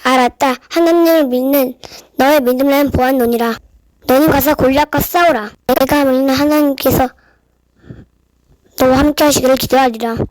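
Woman as a solemn, high-pitched king. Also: steady tone, normal speed, a little mellow, no room sound, close to an everyday voice, poor audio. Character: solemn, doubtful, then blessing king, adult man. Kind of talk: children's Bible play acting.

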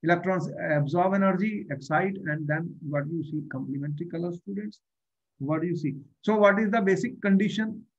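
A middle-aged man with a North Indian accent and a notably high voice tutors over a video call. He repeats key phrases and keeps checking with questions. The sound is slightly dull and muffled. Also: a little fast, slightly rough. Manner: repetitive, questioning, often addressing the learner. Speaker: chemistry teacher. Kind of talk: online tutoring lesson. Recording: dull, muffled online-class audio.

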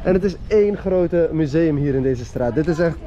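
A young man excitedly narrating a walking tour of a street to his viewers, filmed on a handheld action camera outdoors. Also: a little high, moderate pace, lo-fi sound. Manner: enthusiastic, chatty, addresses viewers directly. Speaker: vlogger, tour guide. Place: outdoor narrow city street with murals, walking.

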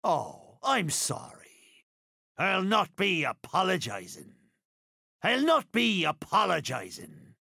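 An actor playing a boastful, vengeful pirate captain in a video game, with a raspy voice, archaic pirate dialect and theatrical, drawn-out delivery. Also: male voice, high voice, wildly swooping pitch, sharp tone, dry recording, clean studio sound, heavily acted. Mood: mock apologetic. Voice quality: gravelly, raspy. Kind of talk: video game character voice acting.

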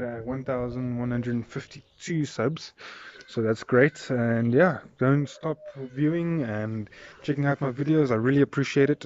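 A man's voice: medium pitch, a little mellow. A young man in his twenties with a South African accent, chatting casually and rambling with many fillers in an outdoor daily vlog filmed on a phone held at arm's length. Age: 20s. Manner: rambling, filler-heavy and friendly. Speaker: vlogger. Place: outdoors in a residential yard. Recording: slightly dull phone recording.

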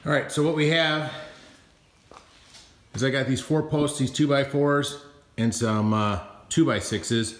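This man in his thirties talks a little slowly with frequent pauses, his mid-range voice steady, as he builds things in a big metal barn, filming himself at arm's length. Sweaty from the heat, the homestead vlogger keeps up casual DIY chatter and pokes fun at his own abilities.

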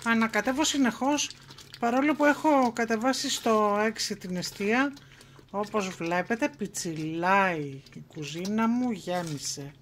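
A woman with a Greek accent talks through a recipe in her home kitchen, calm and methodical. Her voice sits at a middle pitch. A faint hum of room noise runs under her words. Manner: calm step-by-step explaining. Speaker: cooking show host. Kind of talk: home cooking demonstration.

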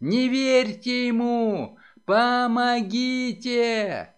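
A man's voice: extremely high pitch, very slow, smooth, faint music behind, pitched above the performer's own voice, exaggerated voice. A man reading aloud and voicing a terrified young woman who cries out and pleads. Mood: screaming.

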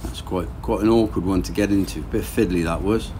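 A man's voice: low voice, brisk, background noise. A man in his thirties casually narrating his engine rebuild as he works in a garage, thinking aloud. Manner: relaxed, plain-spoken, thinking aloud while working. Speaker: boat engine rebuild vlogger.

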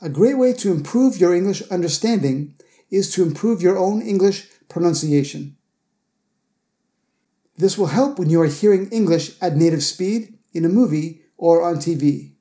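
A man teaching English pronunciation in a scripted lesson, with a mellow, warm tone. He breaks words down slowly, enunciating each syllable with care. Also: sits high, expressive. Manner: slow, careful enunciation of example words.

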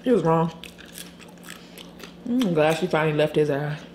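A woman vlogger chatting candidly while eating on camera, pausing to chew and hum over her food. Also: low voice, expressive, darkish tone. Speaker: mukbang vlogger. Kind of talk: casual mukbang chat while eating. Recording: echoey room, faint background noise.

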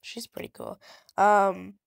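A woman's voice: medium pitch, slow pace, vocal fry, no echo, clean studio sound. A young woman with a stuffy, nasal voice, chatting casually and laughing as she plays a game. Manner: chatty, laughing, reads game text aloud. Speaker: let's play gamer.

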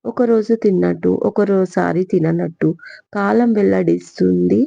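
A woman narrating a scripted story in a steady reading manner. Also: mid-range voice, measured pace, gravelly, no echo, muffled recording.

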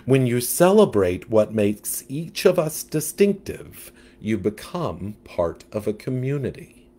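A man putting on a flamboyant, gossipy male catfish from a storybook, higher than his usual voice and swinging through a very lively pitch. He talks with sassy, emphatic drama. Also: unhurried. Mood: sassy advising.

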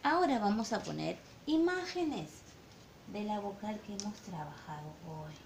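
Slow, sing-song preschool teacher woman. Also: medium pitch, lively intonation, gravelly, roomy sound, background noise. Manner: slow, sing-song questions to children, exaggerated vowels. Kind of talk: online lesson for young children.

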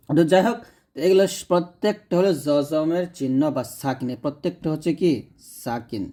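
A man's voice: on the high side, dark tone. Patient man teaching recitation. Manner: patient, repeats sounds slowly and drawn out. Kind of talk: tutorial lesson explaining letters.

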